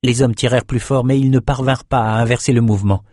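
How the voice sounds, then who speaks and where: A man narrating a fantasy audiobook in a measured, steady storytelling manner. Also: medium pitch, no echo, studio quality.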